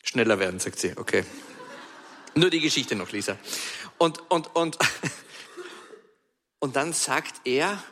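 Guy preaching, chatty storytelling, keeps restarting, bright tone, long echo of a big hall. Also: a little high, slow, pauses often, slight background noise. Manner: chatty and lively, with frequent restarts and asides. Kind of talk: storytelling sermon.

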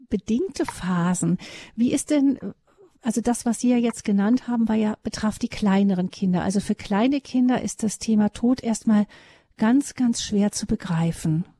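A woman's voice: medium pitch, unhurried, mellow, dry recording. A woman interviewer asking thoughtful questions, searching for her words.

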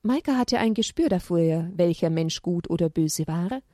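A woman giving a scripted narration of a children's Bible story in an even storytelling manner. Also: lowish voice, normal speed, dry recording, clean studio sound.

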